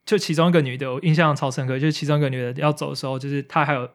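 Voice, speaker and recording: A man's voice: on the high side, steady tone, rapid-fire. A man co-hosting a podcast, telling a story in casual chat and acting out quotes with English slang. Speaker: podcast co-host.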